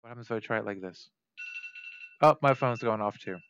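A man's voice: lowish voice, brisk, fairly bright tone, highs cut off, a little hiss or hum. Rambling male streamer thinking aloud. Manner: rambling, thinks aloud and corrects himself mid-sentence; swears casually, talks to viewers. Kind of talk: casual let's play commentary.

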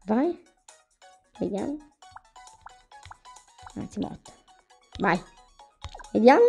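A woman's voice: mid-range voice, big pitch swings, extremely slow, gravelly, a little mellow. A woman giving casual commentary on a life-sim game, chatting to viewers and to the game's characters. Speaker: gameplay commentator. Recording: faint background music.

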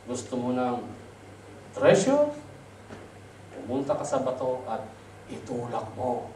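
A man voicing a divine male voice from the clouds, speaking in a low, hushed, fatherly manner. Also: expressive, slow. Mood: commanding. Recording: roomy, distant mic, faint noise.

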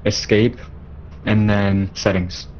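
A man's voice: lowish voice, flat delivery, takes it slowly, darkish tone, muffled recording, a little hiss or hum. A man talking casually in a group voice chat while gaming, explaining game settings to a friend. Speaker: player.

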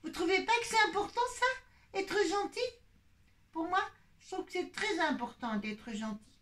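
A woman puppeteer voicing a sweet, polite little boy bear in a children's puppet show, in a soft childlike voice. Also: very high voice, big pitch swings, measured pace, recorded from a distance, voice pushed up, full character voice. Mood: earnest.

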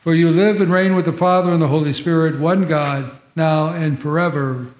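A male pastor leads the prayers in a slow, solemn cadence, his slightly high voice ringing through the cathedral echo of a large church sanctuary. Each phrase is measured and ceremonial. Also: steady tone. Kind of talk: leading a liturgy.

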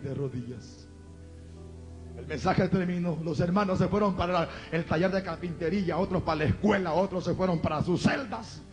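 A man from El Salvador with a Salvadoran Spanish accent, a former gang member giving an impassioned testimony from a church pulpit. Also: high voice. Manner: impassioned, fervent preaching, bursts into shouting, speaks in tongues.

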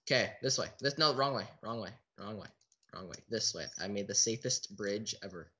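A man's voice: lowish voice, animated, fairly quick, bright, forceful tone. A man giving casual let's play commentary, chatting in a restless way with a teammate who cannot be heard. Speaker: gaming channel host.

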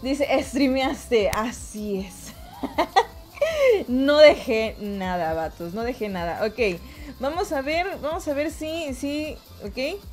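A woman's voice: high voice, expressive, takes it slowly, darkish tone, soft background music. A young woman with a Mexican Spanish accent, chatting casually on a live stream and greeting her viewers by name.

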